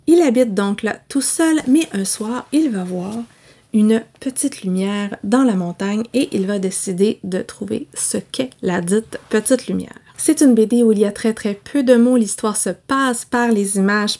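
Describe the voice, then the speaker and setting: Québécois girl doing a book vlog, chatty and animated, talks right to the camera. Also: mid-range voice. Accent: Québécois French. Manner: chatty and animated, addresses viewers directly. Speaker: book vlogger. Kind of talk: casual book review.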